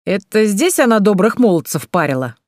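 A woman's voice: medium pitch, big pitch swings, brisk, a little mellow, dry recording, clean studio sound, pitched above the performer's own voice, natural voice. A woman doing a drawling, teasing village girl. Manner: drawling, teasing, rustic dialect words.

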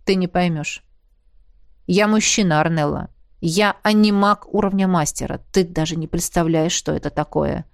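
A blunt young male mage teases and mocks in a lowered, sardonic voice, as a woman reads him. His lines come from an audiobook reading, close and dry with no room sound. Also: moderate pace, vocal fry, dry recording. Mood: earnest. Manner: sardonic, teasing.

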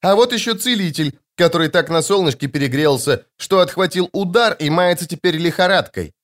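A man's voice: high voice, lively intonation, fairly quick, fairly bright tone, pitched above the performer's own voice. A man voicing a barking, bossy female corporal. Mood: scolding. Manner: barking, scolding.

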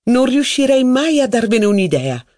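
A man reading an audiobook, voicing a haughty, witty duchess who gossips with mocking flair. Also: normal speed. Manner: mocking, gossipy, lively pitch. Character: haughty witty middle-aged aristocratic duchess.

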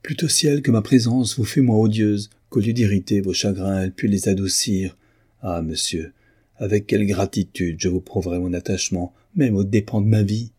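A devoted young heroine from a classic novel, timid and humble, begging softly, as a male narrator reads her. The voice stays low and dark, with a husky texture. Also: steady tone, moderate pace. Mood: pleading. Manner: trembling, pleading and humble.

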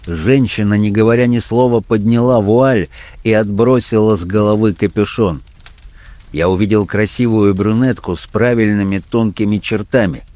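A man narrating an audiobook in a measured, even reading. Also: lowish voice, dry recording.

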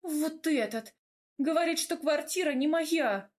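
Brief: woman reading as a fiery young heroine, higher and louder than the narration, quick to exclaim. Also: expressive. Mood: complaining. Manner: loud, complaining, exclaiming. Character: indignant young woman, fiery and sharp-tongued. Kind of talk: audiobook character voice.

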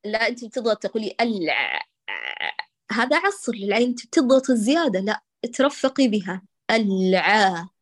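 A woman teaching Quran recitation to a student, patiently correcting her and stretching out sounds slowly to show how they should be said. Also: a little high, animated, dry recording. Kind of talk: one-on-one recitation coaching.

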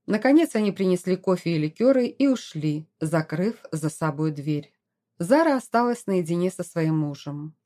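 A woman reading a romance novel aloud as an audiobook, in an expressive, dramatic way. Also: lowish voice, normal speed. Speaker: audiobook narrator. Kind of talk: scripted narration.

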